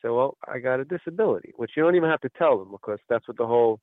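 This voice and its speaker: A man calls in to a radio show and tells a long, rambling story, acting out what everyone said. His voice sits at an ordinary middle pitch and comes through a tinny phone line. The sound is dry and close. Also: animated, very fast, no room sound. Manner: rambling storyteller who acts out quoted exchanges. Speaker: caller. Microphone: telephone.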